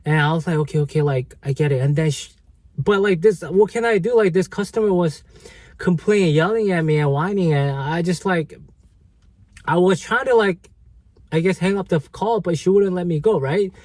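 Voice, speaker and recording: Speaking at normal speed in a high, slightly mellow voice, a vlogger rambles through a story about a former job, full of fillers, restarts and "right?", on a dry recording.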